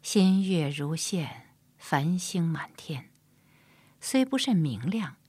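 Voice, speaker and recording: A woman narrates a historical novel in a measured, soft-spoken way. Her voice sits low and husky, and she takes her time. The recording is close and dry. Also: very animated, dry recording. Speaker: audiobook narrator.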